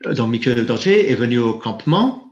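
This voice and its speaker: A man giving a live interpretation of a Buddhist teaching, halting and correcting himself as he searches for words. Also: medium pitch, very animated, darkish tone. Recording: roomy, dull lo-fi sound.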